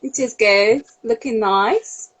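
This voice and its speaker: A woman's voice: fairly high pitch, takes it slowly, fairly bright tone, rough recording. A young woman in her twenties from Turkey, a cheerful, enthusiastic interviewee on a video call. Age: 20s.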